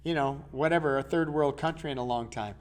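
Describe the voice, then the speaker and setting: A man's voice: a little high, brisk, close to an everyday voice. A man voicing a worried, skeptical woman listener who frets and gets defensive. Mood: dismissive.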